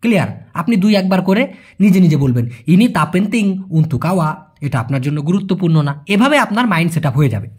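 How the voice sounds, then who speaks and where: A man with a husky voice and a lively, rising-and-falling pitch teaching vocabulary. He says each word slowly and repeats it, and he talks in a chatty tone. He keeps checking on the listener with rhetorical questions. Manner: drills words slowly, repeats them and asks the listener to repeat. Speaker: language teacher. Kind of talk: Bengali-language lesson teaching Malay phrases.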